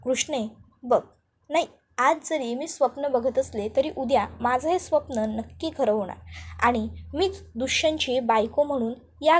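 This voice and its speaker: A woman voicing a shrill, jealous young woman who shouts. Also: husky. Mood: scheming.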